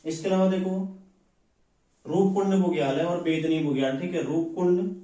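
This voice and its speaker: A man teaches an exam coaching class, repeating each term and checking in with students, often saying "ठीक है" and "ध्यान रखिएगा". His voice is fairly high with fairly even intonation, normal speed and a dark tone, recorded far from the mic in an echoey room.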